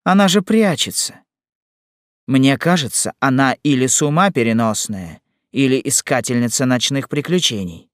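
A man's voice: mid-range voice, lively intonation, normal speed, no room sound, studio quality, lightly acted. A man voicing a blunt, argumentative commander of volunteers. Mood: suspicious. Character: gruff male volunteer commander, stubborn and blunt.

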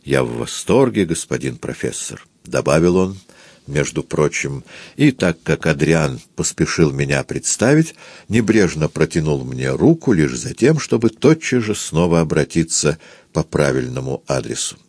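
Deep-voiced man reading a novel aloud. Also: very animated, moderate pace, darkish tone, slightly rough, no room sound. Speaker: narrator. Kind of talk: audiobook literary narration.

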